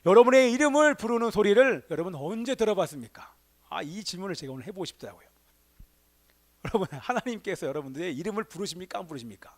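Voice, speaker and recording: A male pastor with a high-pitched voice preaches a Sunday sermon in a church sanctuary. He keeps asking the congregation rhetorical questions. His delivery swings from emphatic, raised exclamations to soft, hushed asides. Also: expressive, quick pace.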